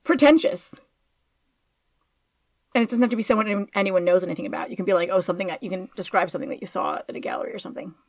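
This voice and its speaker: A woman's voice: mid-range voice, very fast, darkish tone, no room sound, clean studio sound. A woman interviewer in a casual chat, playful and joking as she asks her questions.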